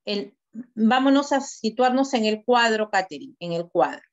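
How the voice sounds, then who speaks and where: A woman's voice: a little high, lively intonation, moderate pace. A woman, a teacher giving direct, corrective feedback on student work over a video call. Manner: direct, corrective, gives step-by-step instructions. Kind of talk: online class feedback. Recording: dull lo-fi video call audio.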